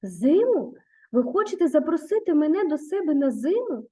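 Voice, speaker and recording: Storybook spider: small, friendly, amazed, high and bouncy, read by a woman. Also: very animated, normal speed, dark tone. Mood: amazed, delighted. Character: tiny friendly excited male spider.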